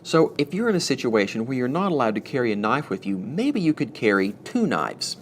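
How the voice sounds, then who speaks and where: A man of ordinary, middle pitch chats to his viewers in a loose, rambling way, full of self-mocking asides. He sounds a touch wired, as if he has had too much coffee. A faint noise sits behind his voice. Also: big pitch swings, brisk. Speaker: homestead channel host. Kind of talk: casual talk to camera.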